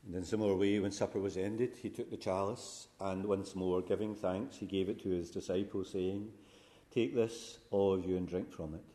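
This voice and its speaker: A man's voice: deep voice, steady tone, moderate pace, mellow. A man speaking as a priest, reciting the prayers of a funeral Mass in a solemn, formal manner in a church.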